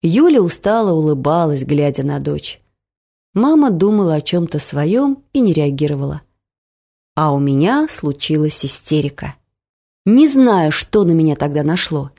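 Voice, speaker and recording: A woman reads a first-person story aloud, her voice mellow and low-set. She tells it expressively, rising and falling a lot. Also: big pitch swings, moderate pace. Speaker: audiobook narrator. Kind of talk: audiobook narration.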